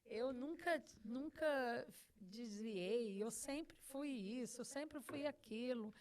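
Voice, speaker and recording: A middle-aged woman with a somewhat high-pitched voice shares a deeply personal testimony as the host of her own talk show. She is earnest and heartfelt, circling back to the same phrases for emphasis. Now and then she acts out the words she once spoke to God. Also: slow. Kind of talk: emotional personal testimony in conversation.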